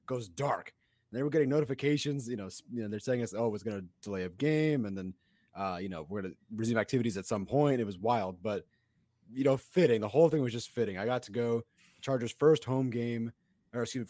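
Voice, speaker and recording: A male podcast co-host chats casually about sports. His voice is hoarse from yelling at a game, sitting at a middle pitch, and the sound is dry with no room around it. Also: no echo. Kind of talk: animated casual sports chat.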